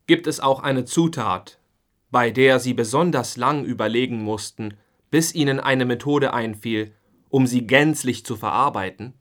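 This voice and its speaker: Man, mid-pitched, neutral reading, presenter asking interview questions. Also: a little slow, fairly bright tone. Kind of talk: scripted listening-test narration.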